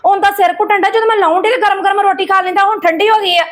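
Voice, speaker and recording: A woman playing a sharp-tongued, overbearing mother who nags and scolds in an amateur family drama. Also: extremely high pitch, fairly even intonation. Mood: scolding. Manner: fast, scolding, nagging.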